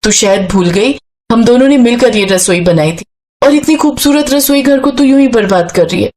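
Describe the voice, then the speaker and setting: A woman voicing a gentle, sweet-natured young woman with a bright way of speaking. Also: fairly high pitch, animated, normal speed, a little hiss or hum, close to an everyday voice. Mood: reproachful.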